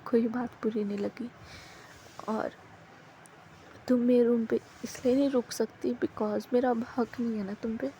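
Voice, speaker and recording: A woman's voice: fairly high pitch, fairly even intonation, measured pace, pauses often, mellow, a little hiss or hum, rough recording. Woman voicing a hurt, subdued young woman. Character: young woman, hurt and withdrawn, pushing her love away.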